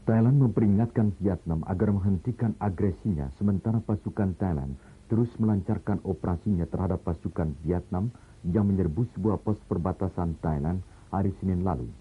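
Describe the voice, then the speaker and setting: A man reading the news in a measured, formal way, heard through an old lo-fi broadcast recording like an old newsreel. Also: sits low, slightly rough. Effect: old lo-fi broadcast sound, like an old newsreel. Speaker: news anchor. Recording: tinny, narrow-band old broadcast recording.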